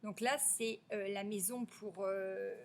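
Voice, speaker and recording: A woman's voice: medium pitch, fairly even intonation, a little hiss or hum. A woman teaching a phonics review to young children. She stretches out the words and drops to a near whisper on the answers. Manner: slow, stretched-out sounding of syllables.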